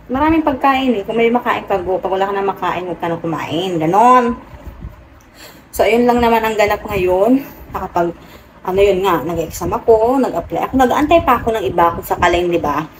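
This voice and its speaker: A woman from the Philippines chatting casually to her vlog viewers, telling stories with frequent laughs, her voice jumping up high when she gets excited. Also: fairly quick. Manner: animated storytelling, laughs often, voice jumps high when excited. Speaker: vlogger. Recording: noisy home room with electric fan.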